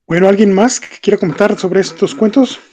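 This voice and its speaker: A man's voice: sits high, a little fast, darkish tone, muffled recording, slight background noise. A man hosting a reading circle, casually reacting and passing the turn to the next reader. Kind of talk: casual moderating.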